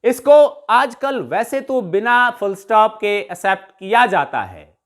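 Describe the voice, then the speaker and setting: Indian lady teacher, really slow, explains every example patiently, hindi english mix. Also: medium pitch, sing-song. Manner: patient, explains each example step by step and restates terms. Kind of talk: classroom lesson mixing Hindi and English.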